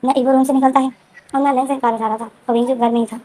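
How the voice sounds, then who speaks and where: A woman recapping a story in a casual, rambling way, circling back over the same points with many restarts. Her voice is high and quick, with a dark, mellow tone. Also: level tone, poor audio. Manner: repetitive, frequent restarts and fillers. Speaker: story explainer.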